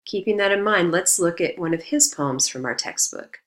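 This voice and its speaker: A woman teaching a recorded lesson on poetry, explaining in a measured way and reading quotations aloud. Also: on the low side, lively intonation, a bit bright.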